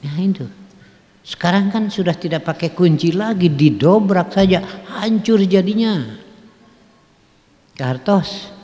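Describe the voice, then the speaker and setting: In a mosque hall with long reverb, a Sundanese-accented preacher delivers a folksy sermon, mixing in regional phrases, chuckling, and questioning his listeners. His voice sits high and sounds mellow and expressive, moving at a measured pace with long pauses.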